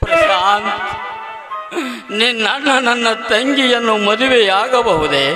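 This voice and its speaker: A grief-stricken young brother cries out slow, high-pitched laments to God, played by a man. His pitch swings widely as he declaims. Loud live stage music plays behind him throughout. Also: animated, heavily acted. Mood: anguished. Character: poor young brother, grieving, melodramatic. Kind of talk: village stage drama.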